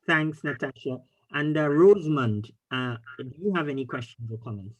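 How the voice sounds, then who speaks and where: A man's voice: mid-range voice, moderate pace, low-quality recording. A middle-aged man chairing an online meeting informally over a video call.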